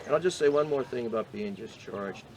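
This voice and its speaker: A man in his seventies from the Boston area, a veteran being interviewed, telling his story in a measured, earnest way with frequent hesitations. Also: mid-range voice, lively intonation, crowd noise. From Boston area, USA. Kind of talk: reflective personal storytelling.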